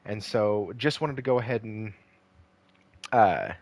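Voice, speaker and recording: With a lowish, hoarse voice that's starting to give out, this gaming streamer talks slowly and casually. He rambles, leans on fillers, and says hello to viewers by name, with no room sound on the recording.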